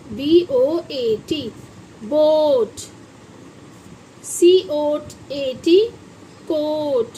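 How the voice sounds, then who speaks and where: A woman's voice: high-pitched, mellow, a little hiss or hum, low-quality recording. A woman teaching a phonics lesson to children, spelling words out letter by letter and asking them questions. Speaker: English teacher.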